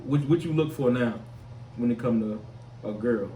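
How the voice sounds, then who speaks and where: A young man hosts a podcast, keeping the chat casual with loose, joking slang. His mid-range voice is warm and moves at a normal speed. He sounds off-mic in an echoey room, with faint hiss.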